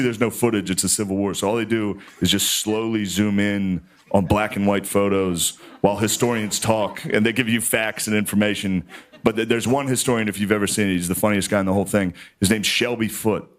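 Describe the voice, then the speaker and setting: A man in his thirties doing stand-up comedy, loose and conversational with deadpan asides, on a stage before a live audience. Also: lowish voice, a little fast. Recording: live show with audience noise. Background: audience laughter.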